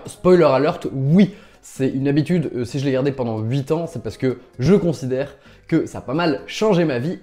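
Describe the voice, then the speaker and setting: A man's voice: on the high side, mellow. A young man hosting a YouTube video, talking casually and directly to viewers. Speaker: YouTube host. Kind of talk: casual presentation to camera.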